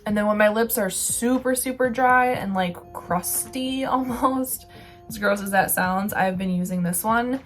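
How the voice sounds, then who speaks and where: A woman's voice: mid-range voice, fairly even intonation, normal speed, few pauses, soft background music. A young woman vlogger chatting casually about beauty products, rambling with lots of filler words.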